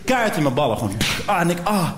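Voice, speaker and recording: A man's voice: on the high side, very fast. Man telling a comic anecdote. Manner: animated, laughing, swearing storyteller. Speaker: storyteller. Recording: roomy with background noise.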